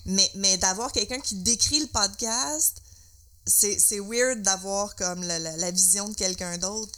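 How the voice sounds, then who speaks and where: A young woman with a Québécois accent chats casually as a podcast co-host. Her voice is bright and forward. She rambles, fills gaps, and drops in English words, at a middle pitch. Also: unhurried, a little hiss or hum. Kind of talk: casual chat.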